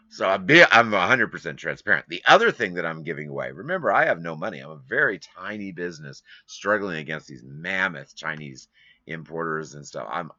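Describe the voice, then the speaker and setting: A low-pitched man with a bright, very forceful tone rambles his way through a casual live stream from his home studio. He grumbles at length while his pitch rises and falls a lot. The recording is dry and a little dull. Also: no room sound.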